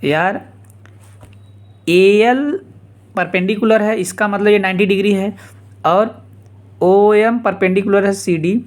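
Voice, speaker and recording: Man, math teacher, slow unhurried delivery, repeats lines, casual asides. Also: sits high. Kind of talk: informal geometry lesson.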